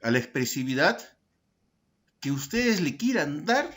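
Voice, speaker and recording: Slow-spoken male teacher explaining patiently. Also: fairly high pitch, sing-song, fairly bright tone. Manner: slow, deliberate explaining, tag questions to students. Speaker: secondary school language teacher. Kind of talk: online class lesson.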